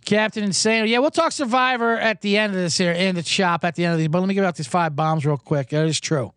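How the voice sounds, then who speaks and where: High-voiced rambling betting host. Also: male voice, quick pace, a bit bright, dry recording, clean studio sound. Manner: rambling, riffing and joking, breaks into mock accents. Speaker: sports betting podcast host. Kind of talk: casual, profane betting chat.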